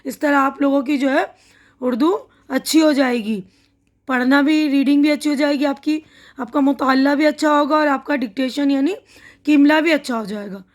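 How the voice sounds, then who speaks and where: A woman teacher giving a slow, patient reading lesson to young children, sounding out syllables and repeating them. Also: high-pitched, fairly even intonation. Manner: explains slowly, reads syllables aloud and repeats them.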